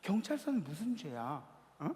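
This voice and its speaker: Male youth preacher, high and very lively pitch, animated storyteller, recorded in an echoing sanctuary. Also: moderate pace. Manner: animated storytelling, acting out shouted quotes. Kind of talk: sermon. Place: church sanctuary. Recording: long hall reverb of a church.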